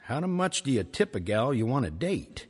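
A man's voice: mid-range voice, big pitch swings, normal speed, a crowd in the background. A man hosting his show and telling a story live to an audience, with a wry, playful delivery. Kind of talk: live storytelling and casual intro. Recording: reverberant live church hall.

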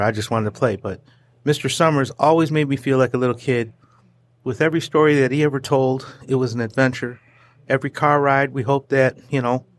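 A man's voice: medium pitch, no room sound. Joking, rambling man telling stories. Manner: animated, joking, rambling with restarts; throws in playful sound effects. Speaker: interview guest. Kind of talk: casual storytelling conversation.

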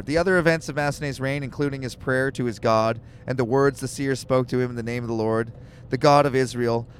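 There's slight background noise as a mid-range male voice reads scripture during a car-ride podcast he co-hosts. He swears freely and riffs jokingly after each passage.

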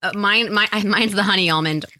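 A woman's voice: mid-range voice, brisk, sharp tone, no room sound, clean studio sound. A woman co-hosting a casual podcast chat, giving frank, enthusiastic opinions on products. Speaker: podcast co-host.

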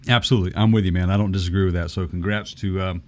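A man's voice: deep voice, steady tone, racing. A man co-hosting a casual chat show, easygoing and agreeable, often restarting his sentences. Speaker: podcast co-host.

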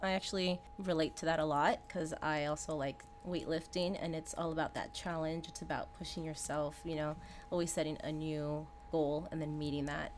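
A woman's voice: low voice, flat delivery, moderate pace, a little hiss or hum. A woman hosting an interview podcast, asking curious questions and affirming often. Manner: affirming, curious, frequent "mm-hmm". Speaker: podcast host. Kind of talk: casual interview.

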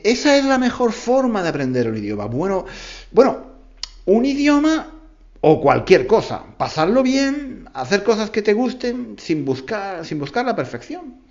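With a fairly high pitch and darkish tone, a Spanish-native podcast host playfully tells a tall tale for language learners, repeating phrases to emphasize them. The audio sounds dull.

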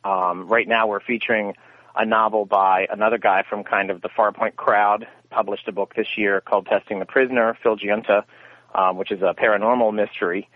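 Over a tinny phone line with a dry, echo-free sound, a man with a fairly low pitch and steady tone talks a little fast. He is a guest who founded a radio theater, and he tells rambling, self-correcting stories in his interview answers.

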